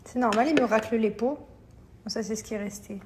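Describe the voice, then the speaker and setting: A woman filming a casual family vlog, cooing softly at her baby between chatty asides to her viewers. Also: a little high, brisk, slight background noise. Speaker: family vlogger and mother.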